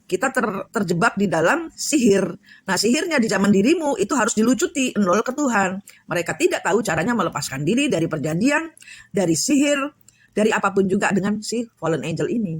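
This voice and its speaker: A woman's voice: medium pitch, very animated, a little fast, slightly rough, no room sound. A woman giving a spiritual coaching talk, rambling with many fillers and restarts. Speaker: tarot reader and spiritual coach. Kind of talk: casual spiritual chat.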